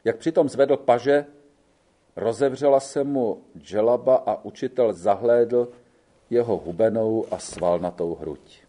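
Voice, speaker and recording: A man narrating a literary audiobook in a measured, even reading. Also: mid-range voice.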